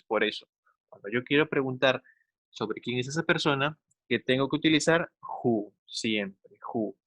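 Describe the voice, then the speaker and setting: A young adult man with a Peruvian Spanish accent teaches schoolchildren in a recorded class. He keeps a middle pitch and explains patiently, repeating words and checking in with the class. The sound is dry and close. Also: a bit bright, no echo. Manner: patient, explains slowly, repeats words, often says "entonces" and "¿no?". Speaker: English teacher. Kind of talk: recorded online class for children.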